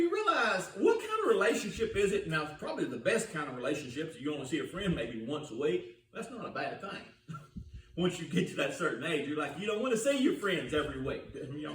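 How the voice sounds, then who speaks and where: An older pastor's high-pitched, fairly bright voice carries through a church sanctuary as he preaches in a folksy, storytelling manner and poses questions to the congregation. The sound is roomy and distant, with a little hiss or hum.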